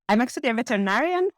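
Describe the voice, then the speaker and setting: A high-voiced woman from northern Finland, a Finnish native speaker, appears as a guest parasitologist on a casual podcast. She talks eagerly about her work, laughs often and keeps restarting her phrases. The studio-quality recording has no room sound.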